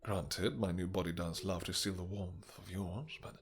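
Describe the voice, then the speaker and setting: A man playing a possessive, lovesick vampire king in a romantic fantasy roleplay, speaking in formal, halting, commanding endearments that often sink to a breathy near-whisper. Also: low-pitched, steady tone, reverberant, big-room sound, soft background music. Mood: coaxing, restrained.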